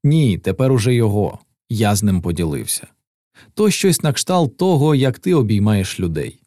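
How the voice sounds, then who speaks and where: A man's voice: lowish voice, sing-song, moderate pace, warm tone, no room sound, studio quality. A man reading a tender, dreamy young poet. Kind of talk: audiobook dialogue reading.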